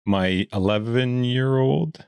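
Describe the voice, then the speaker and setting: A man co-hosting a casual gaming podcast, talking in a relaxed way and giving short, agreeable replies. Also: mid-range voice, slow pace, gravelly, clean tone, no echo. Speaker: podcast co-host.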